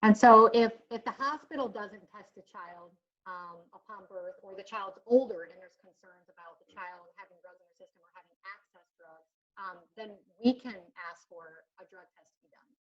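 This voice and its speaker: A woman heard over a video call, presenting in a webinar for a child welfare agency, halting with frequent ums and restarts. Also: medium pitch. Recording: muffled lo-fi video call audio.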